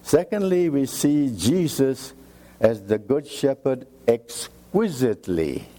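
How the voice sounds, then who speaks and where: A man preaching a sermon, slow and emphatic, repeating key phrases for weight. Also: medium pitch, sing-song, dark tone.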